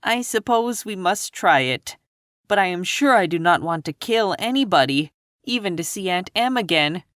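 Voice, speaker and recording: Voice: animated, moderate pace, no room sound, studio quality, natural voice. A reader voicing Dorothy, a plaintive young girl. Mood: resigned. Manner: high, soft, plaintive. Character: young girl, gentle and worried.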